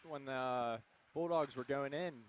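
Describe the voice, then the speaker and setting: A young man giving relaxed, slightly hesitant color commentary on a student hockey broadcast. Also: medium pitch, slow, slight background noise. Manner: relaxed, hesitant analysis with fillers.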